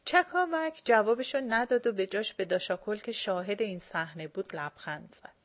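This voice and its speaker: Woman storyteller, relaxed first-person reading. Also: mid-range voice. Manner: casual spoken storytelling. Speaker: reader.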